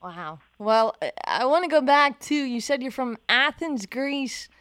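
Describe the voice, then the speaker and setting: A woman hosting a radio talk show from a studio, chatty and quick to laugh. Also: high voice, lively intonation, a bit bright, smooth, no room sound.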